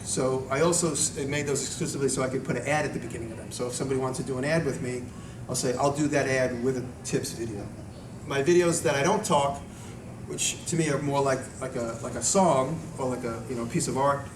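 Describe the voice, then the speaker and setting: A man speaking informally to a live audience as a video maker, in a rambling, conversational way that often doubles back on itself. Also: mid-range voice. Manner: conversational, rambling, self-interrupting. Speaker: video maker giving a talk and taking audience questions. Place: echoey room at a live event. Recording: echoey room, distant mic, noisy background.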